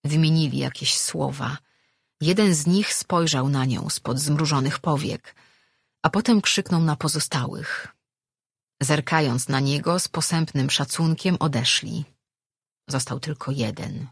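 Audiobook narrator, husky voice, dry close sound, steady measured reading. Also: mid-range voice, dry recording. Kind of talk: scripted narration.

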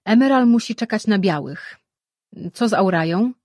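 A woman's voice: mid-range voice, normal speed, a little mellow, dry recording, clean studio sound, pitched above the performer's own voice, natural voice. Woman voicing a firm male sorcerer. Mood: steady. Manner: firm, decisive. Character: confident male dream-linked sorcerer.

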